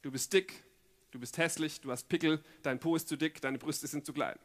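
A man voicing a sly, tempting inner voice, speaking low, slow and hushed. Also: steady tone, natural voice.

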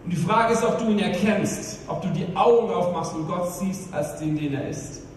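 Male pastor, high voice, emphatic sermon delivery; distant mic, long echo, faint noise. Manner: emphatic preaching, rhetorical questions, slows down for emphasis. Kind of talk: Easter sermon.

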